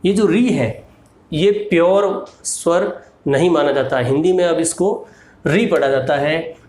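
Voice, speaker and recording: A man teaching a slow, patient lesson, spelling letters out one by one. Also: a little high, darkish tone, roomy sound.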